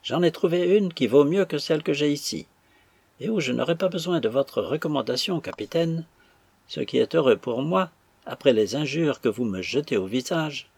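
Man playing a whiny, self-pitying young servant, gravelly and husky, animated. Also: medium pitch, no echo, exaggerated voice. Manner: whining, tearful protest.

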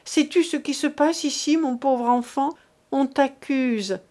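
A woman reading aloud as a desperate mother imploring men to spare her son, in an impassioned, high voice. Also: measured pace, a little mellow. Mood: pleading. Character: desperate pleading older mother.

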